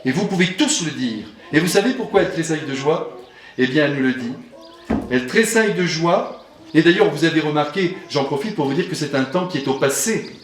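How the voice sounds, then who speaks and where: Animated priest in echoey hall. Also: male voice, brisk. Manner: animated and theatrical, swings between booming emphasis and hushed asides; addresses audience directly, asks them questions. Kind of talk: sermon.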